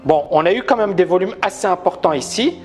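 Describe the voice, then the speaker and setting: A man teaching trading on a live stream, animated and emphatic, constantly asking viewers questions. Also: high-pitched, fairly quick, soft background music. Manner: talks to viewers, asks many questions. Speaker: trading educator. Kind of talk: live-stream market analysis.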